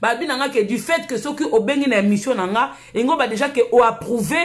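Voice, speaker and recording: A Congolese woman hosts a live stream, her fairly high voice moving fast as she delivers a heated, scolding rant packed with insults. She speaks with a Congolese French accent, and the room around her is echoey.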